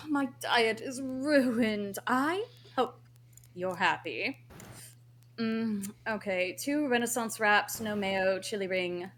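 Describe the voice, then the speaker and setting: A woman's voice: a little high, takes it slowly, slight background noise. A woman reading the part of an imperious, scheming fairy godmother at a live table read. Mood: bossy. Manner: imperious, sharp, scolding.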